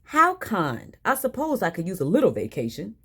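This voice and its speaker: A woman's voice: on the low side, wildly swooping pitch, normal speed, sharp tone, husky, full character voice. A woman voicing a jolly, carefree old Santa Claus as an easygoing, genial houseguest in a storybook. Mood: grateful.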